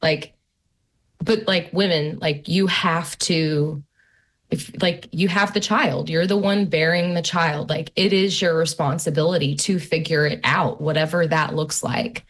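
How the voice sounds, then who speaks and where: Chatty woman with a lower voice. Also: measured pace. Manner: chatty, animated storytelling with many fillers. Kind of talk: casual conversation.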